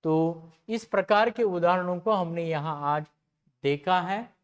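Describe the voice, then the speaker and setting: A teacher gives a recorded lecture to students, explaining slowly and repeating example words one at a time. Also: medium pitch, clear, resonant tone.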